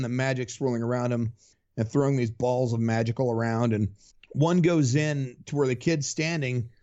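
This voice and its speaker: A man's voice: mid-range voice, a little mellow, lo-fi sound. A man co-hosting a podcast, casually retelling a comic in a rambling way, full of fillers. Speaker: podcast co-host. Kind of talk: casual chat recapping a comic.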